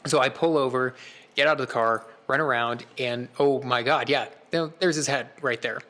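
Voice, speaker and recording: Bright-voiced man telling a story. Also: medium pitch. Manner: lively first-person storytelling with quick asides. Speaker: podcast co-host. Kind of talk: casual storytelling chat.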